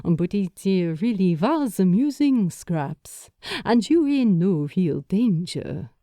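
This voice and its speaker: A gentle, polite male spirit from a storybook, as a woman reader puts him on. The voice drops lower and quieter than the narration, soft and apologetic, never pushing. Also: unhurried, creaky, no room sound, clean studio sound.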